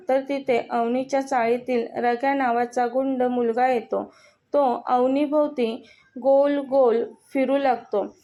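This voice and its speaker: A woman's voice: high voice, mellow, lo-fi sound. A woman with a Marathi accent reading a romantic story aloud, voicing all the characters' lines in her own voice. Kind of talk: scripted story narration.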